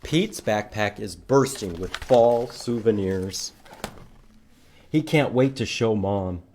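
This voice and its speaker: A man hosting a children's storytime, reading a picture book and teaching letters in simple, expressive language with questions for young listeners. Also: on the low side, slow, slight background noise. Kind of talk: children's storytime read-aloud and letter lesson.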